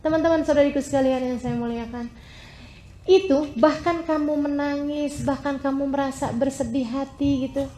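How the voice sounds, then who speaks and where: Female preacher, high and animated, echoey room. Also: normal speed, slight background noise. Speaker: Islamic preacher. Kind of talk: sermon to a women's audience.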